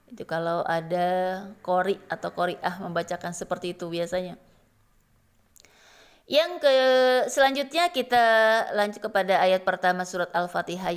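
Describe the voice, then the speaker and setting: Slow, smooth-voiced woman teaching recitation. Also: fairly low pitch. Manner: slow, patient explaining with sung recitation. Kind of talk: tajwid lesson with chanted examples.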